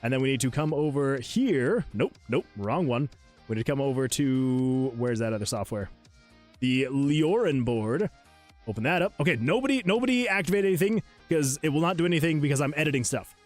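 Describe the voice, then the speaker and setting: A man chats casually on his game development livestream, rambling and restarting his sentences as he sorts out his software. He laughs at himself often and keeps an easy, self-deprecating tone. He speaks into a desk microphone at a home setup, with faint music playing behind him. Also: medium pitch, lively intonation, fairly quick. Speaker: solo game developer and streamer. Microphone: USB desk microphone.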